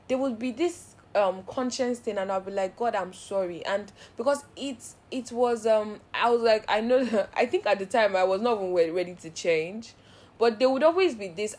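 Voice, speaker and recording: A woman with a medium-pitched voice hosts a devotional Bible study, speaking earnestly and from the heart. She builds repeated phrases into steady cadences as she teaches.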